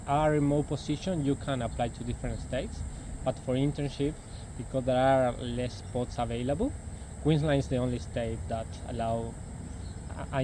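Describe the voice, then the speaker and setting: A young Argentinian man, a native Spanish speaker, answers interview questions in English with an Argentinian accent. His mid-range voice is hesitant and he often repeats words, and the background is noisy.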